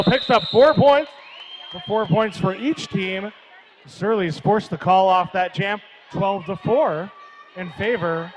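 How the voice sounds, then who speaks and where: High-voiced man calling roller derby. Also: low-quality recording. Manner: easygoing, jokey banter with co-host. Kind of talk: live play-by-play commentary. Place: live roller derby event.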